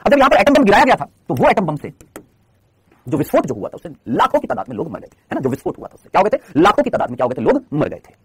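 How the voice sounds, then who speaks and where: A man's voice: sits high, huge pitch swings, breathy edge. A man teaching a lecture who asks his students questions and then answers them himself, repeating points in a coaching tone. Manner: fast, repetitive, coaching tone. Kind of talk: classroom lecture.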